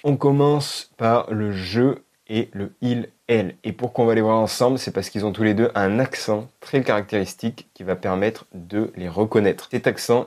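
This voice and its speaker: Man with a lowish voice, language teacher, step-by-step explanations, slow repeated examples. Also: a little mellow. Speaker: Spanish teacher. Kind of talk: online language lesson.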